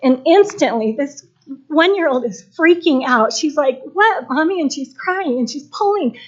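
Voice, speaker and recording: A woman's voice: high voice, animated, normal speed. An older woman giving an impassioned, pleading public comment at a school board meeting. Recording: dull lo-fi livestream audio.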